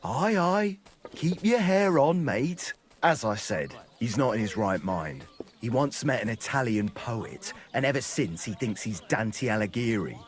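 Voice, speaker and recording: A man's voice: medium pitch, lively intonation, unhurried, close to an everyday voice. An actor playing a crude, boozy male troubadour in a video game, boisterous and mocking. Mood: rowdy. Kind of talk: video game cutscene acting.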